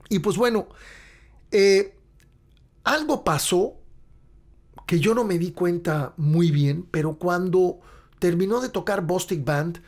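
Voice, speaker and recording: A middle-aged man with a Mexican accent, hosting a podcast and telling long, rambling anecdotes full of slang. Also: fairly high pitch. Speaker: podcast host and rock musician. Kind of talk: casual storytelling monologue.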